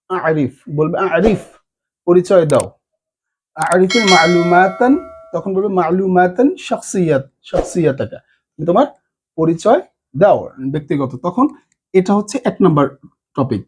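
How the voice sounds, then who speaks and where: A man giving a casual spoken lesson, repeating terms slowly and often checking in with "right?". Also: a little high, a little mellow, breathy edge. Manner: slow drawn-out repetition of Arabic terms; frequent fillers and tag questions. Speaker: Arabic teacher.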